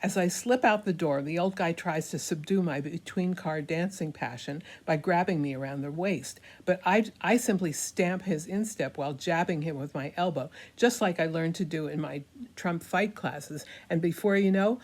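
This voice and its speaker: Low-voiced woman, hammy theatrical storyteller. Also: normal speed, few pauses, darkish tone. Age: older. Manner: hammy, theatrical stage delivery, acting out dialogue. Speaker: performer reading a comic monologue. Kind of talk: dramatic reading of a first-person satirical story.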